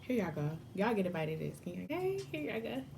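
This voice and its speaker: A woman's voice: medium pitch, sing-song, fast talker, gravelly, noisy background. A woman chatting casually to viewers in a mukbang vlog, talking between bites of crunchy fried chicken. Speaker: mukbang vlogger.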